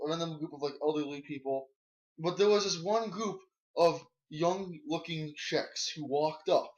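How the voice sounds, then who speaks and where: A man's voice: fairly high pitch, dull audio. A man co-hosting a casual podcast, retelling a story in a rambling, chatty way.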